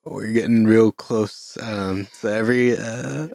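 A man co-hosting a podcast while a little high, talking in a laid-back, drifting way and swearing casually, recorded inside a small closet. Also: takes it slowly, creaky, darkish tone, no room sound. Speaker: podcast co-host. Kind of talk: casual chat.

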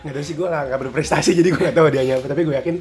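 A man hosting a casual chat, asking quick teasing questions. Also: fairly high pitch, steady tone, a little mellow, slight background noise.

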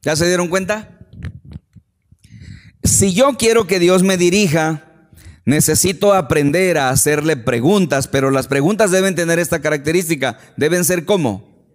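A man's voice: a little high, normal speed. A man preaching a sermon and putting emphatic rhetorical questions to the congregation in a church hall. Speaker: pastor. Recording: long hall reverb.

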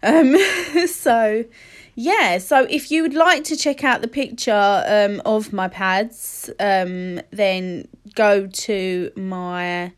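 A woman, chatting casually and rambling with many fillers while sniffly from a cold. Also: mid-range voice. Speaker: podcast host. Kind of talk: casual solo chat.

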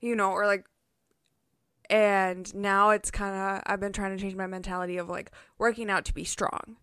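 A young woman in her twenties talks in a loose, animated way, piling up fillers as she goes. Her voice sits at an ordinary middle pitch. The sound is close and dry, with no room around it. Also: normal speed, smooth, no echo. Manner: chatty, animated, lots of fillers and laughs. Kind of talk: casual chat.

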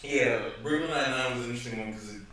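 A man chatting casually and thinking aloud in a relaxed way, with frequent fillers. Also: mid-range voice, very fast. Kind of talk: casual chat. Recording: roomy, distant mic with faint noise.

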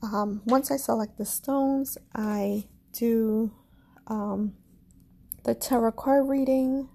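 Caribbean lady doing her crystal podcast, mellow husky voice, slow and gentle. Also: on the high side, fairly even intonation. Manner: slow, gentle and self-deprecating, with soft laughs. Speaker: podcast host, astrology and crystal reader. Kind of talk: casual spiritual podcast monologue.

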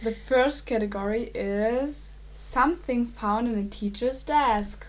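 Slow-talking woman co-host, higher voice. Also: a crowd in the background. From Los Angeles, California. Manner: laughing, cheery. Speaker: podcast co-host. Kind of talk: casual game chat.

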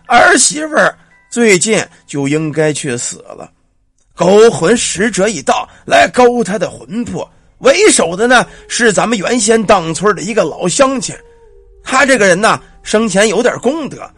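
Stern ghost of an old father, slow drawn-out words, commanding, high and swooping, as a storyteller puts him on. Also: vocal fry, a bit bright, slightly rough, dry recording, heavily acted.

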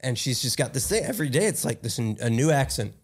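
A man hosting a podcast, chatting in an easygoing, rambling way with halting restarts. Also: mid-range voice, very animated. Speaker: podcast host. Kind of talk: casual chat.

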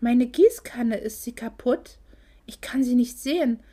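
Brief: a frail woman in shock, thin breathy whisper, read by a female narrator. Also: on the high side, a little slow, mellow. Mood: dazed.

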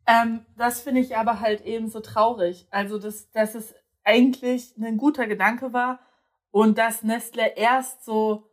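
A woman's voice: on the high side, steady tone, unhurried. A young woman chatting casually, hesitating often with fillers and restarts. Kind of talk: casual chat.

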